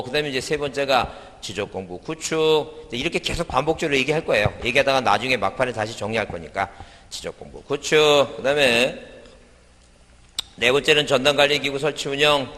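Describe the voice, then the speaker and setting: Middle-aged man, brisk exam-prep lecture, quizzing questions, long hall reverb. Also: medium pitch, a bit bright. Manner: fast, repetitive, quizzing listeners with questions.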